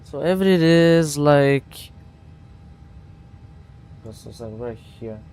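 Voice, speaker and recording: A man's voice: on the high side, lively intonation, drawn-out words, a little mellow. A man streaming a flight simulator, casually thinking aloud and muttering to himself as he works through procedures.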